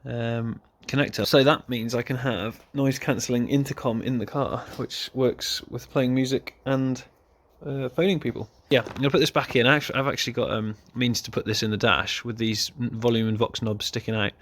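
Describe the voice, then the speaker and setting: This car hobbyist has a mid-range voice with fairly even intonation, speaking at a moderate pace with few pauses. He presents a DIY video casually and off the cuff, demonstrating by hand and poking fun at himself. There's slight background noise.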